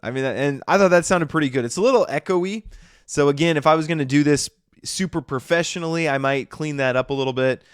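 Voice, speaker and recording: A man's voice: on the high side, fast, clear, resonant tone, dry recording. Man, YouTuber, casual tutorial walkthrough, chatty, dry sound. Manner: chatty, often adds "okay?".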